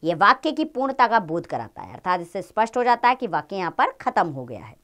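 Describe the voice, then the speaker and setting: Lively-voiced woman teaching a grammar lesson. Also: brisk. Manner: expressive, rises and falls in pitch.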